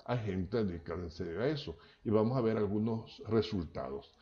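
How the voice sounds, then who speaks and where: A linguistics professor with a Venezuelan accent from Maracaibo gives a chatty lecture over a video call, often checking in by tagging lines with "¿ok?". His voice is lowish at a moderate pace. The video call audio is dull and lo-fi.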